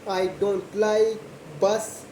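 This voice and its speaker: A young woman, not a native English speaker, talking very slowly and deliberately in short simple phrases as a practice monologue for learners. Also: mid-range voice, level tone, dark tone. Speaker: host of a slow English speaking practice video. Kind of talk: slow spoken monologue about a daily routine for English learners. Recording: echoey room with faint background noise.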